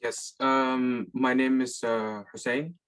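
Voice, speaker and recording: A young man of eighteen from southeastern Morocco introduces himself on a video call. He speaks politely and pauses often with fillers. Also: mid-range voice, level tone, a bit bright, smooth. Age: teens. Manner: hesitant, polite. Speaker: panel guest.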